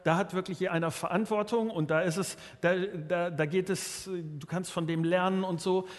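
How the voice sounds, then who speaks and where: A man's voice: sits high, fairly even intonation, normal speed, long reverb tail. A man preaching a sermon earnestly, often restarting and repeating his words. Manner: earnest, many restarts and repetitions.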